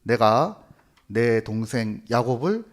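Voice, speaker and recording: A man's voice: mid-range voice, big pitch swings, takes it slowly, pitched below the performer's own voice. A man voicing a hot-tempered elder brother, a hunter, in a Bible story told to children. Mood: insistent. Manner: insistent, angry.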